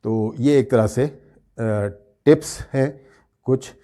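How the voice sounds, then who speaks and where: A man's voice: mid-range voice, steady tone, slow pace, dark tone. A man giving a spoken English pronunciation lesson, explaining patiently and repeating each word to drill it. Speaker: English teacher.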